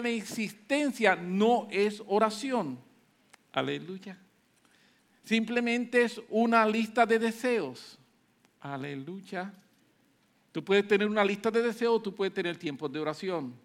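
Man, preacher, sermon, very high-pitched, emphatic. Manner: emphatic, repeats hallelujah.

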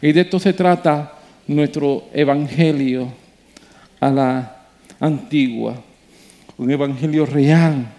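A man's voice: fairly high pitch, slow, long pauses. A male preacher, telling a story and building to emphatic sermon preaching. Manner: animated, rising to emphatic preaching.

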